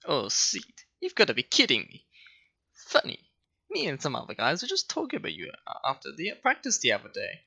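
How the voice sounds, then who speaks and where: Man doing a snobby, gravelly rival cop. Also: a little high, wildly swooping pitch, brisk, pitched above the performer's own voice, full character voice. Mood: sneering. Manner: taunting, sneering, loud. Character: smug, snobby rival police officer, male.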